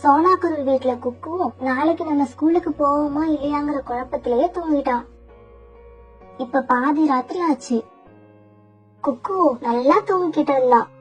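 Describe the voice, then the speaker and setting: Gentle high-voiced woman narrator. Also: normal speed, pauses often. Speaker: narrator and mother sparrow Sona. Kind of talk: storybook cartoon narration. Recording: dull lo-fi sound with faint music.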